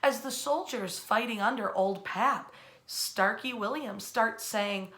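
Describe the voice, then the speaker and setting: An American woman narrates history as a dramatic story, using emphatic, theatrical phrasing and deliberate pauses. Her voice is on the high side with a sharp tone.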